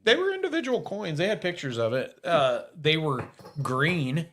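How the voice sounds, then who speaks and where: A man's voice: fairly high pitch, big pitch swings, normal speed, a bit bright. A middle-aged man hosting a casual podcast, rambling and correcting himself, with easy laughs. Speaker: podcast host. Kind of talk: casual chat.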